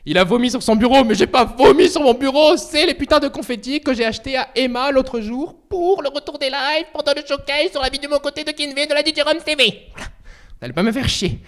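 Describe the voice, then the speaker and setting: An excitable man in his twenties hosts a casual livestream chat. His voice sits very high for a man and swings widely up and down. He swears freely and keeps breaking into playful outbursts. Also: fairly quick. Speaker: streamer.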